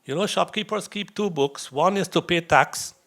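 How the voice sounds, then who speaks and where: A man with a voice sitting a little high for a man addresses a room of young visitors. His lecture is conversational, dotted with anecdotes, small chuckles and side remarks. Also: moderate pace, vocal fry, a bit bright.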